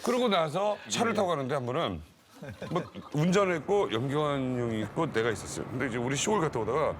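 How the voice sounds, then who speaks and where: A man animatedly telling a comic story on a TV talk show, shouting out the quoted lines. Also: mid-range voice, expressive, fast talker, noisy background.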